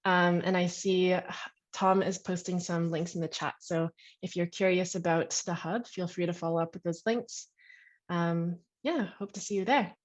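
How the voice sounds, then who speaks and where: A woman's voice: fairly low pitch, steady tone. A woman presenting as co-host at a bilingual online event, speaking over a video call. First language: English. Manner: halting and searching when speaking French. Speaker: co-director of an activist hub, event co-host. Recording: dull, lo-fi video call audio.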